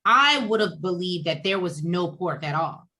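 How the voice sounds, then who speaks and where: A woman's voice: fairly low pitch, animated, moderate pace, sharp tone. A woman co-hosting a casual recap chat, adding wry quips. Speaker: podcast co-host.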